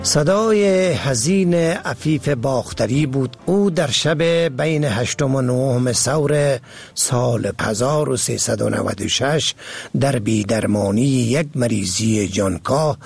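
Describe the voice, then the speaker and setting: A man's voice: medium pitch, creaky, husky, soft background music. A man giving formal documentary narration in an informative tone.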